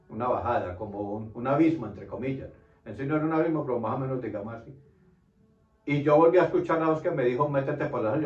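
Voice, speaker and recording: A man's voice: mid-range voice, darkish tone. A man preaching a Bible study sermon, earnest, often repeating himself and checking in with his listeners. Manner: earnest, repeats phrases, tag question "¿cierto?". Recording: roomy, distant, dull lo-fi sound.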